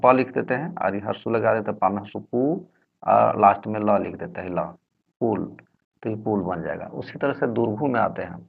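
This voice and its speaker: A man with a Jharkhand Hindi accent teaches Hindi letters, sounding out syllables one by one and repeating them. His voice sits low and is husky with a gravelly edge. The recording is dull and lo-fi. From Jharkhand, India. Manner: slow, repetitive, sounding out syllables. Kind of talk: explaining Hindi letters at a board.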